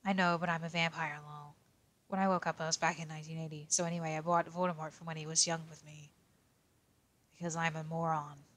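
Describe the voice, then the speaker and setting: Quiet young male detective, woman voicing: low, flat, in-character fanfic reading. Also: a little fast. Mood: deadpan reading.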